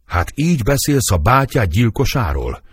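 A man's voice: mid-range voice, big pitch swings, husky, no room sound, studio quality. A wailing old nurse, read by a man. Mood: lamenting. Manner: lamenting, wailing verse reading. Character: old nurse, fussy and grieving woman. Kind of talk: dramatic verse reading.

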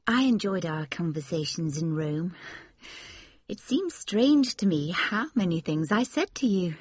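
A man voicing an earnest, gentle young woman, speaking softly and seriously in a raised voice. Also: sits high, expressive, a little slow, breathy edge, no room sound, voice pushed up, exaggerated voice.

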